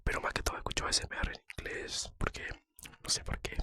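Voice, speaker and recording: A man speaking in a close-miked ASMR whisper, casually answering personal questions with hesitant, soft pauses.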